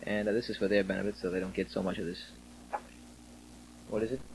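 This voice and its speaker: Upbeat military radio host, noisy old tape. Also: male voice, on the low side, flat delivery, fast, creaky. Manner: jokey, ad-libbed, conversational. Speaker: radio host, disc jockey. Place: small radio station studio.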